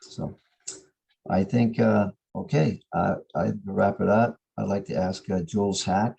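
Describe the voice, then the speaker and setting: A very deep, gravelly male voice, dark and husky, chatting as host of a morning devotion call. He keeps things easygoing and laughs lightly between thoughts over a video call. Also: fairly even intonation, measured pace, muffled recording. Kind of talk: casual group-sharing talk.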